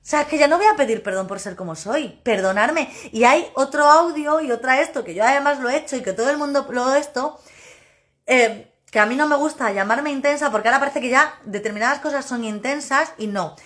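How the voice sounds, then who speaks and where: A woman, hosting a casual live stream as a personal development coach, talking loudly and emphatically and laughing often. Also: high voice, fairly quick.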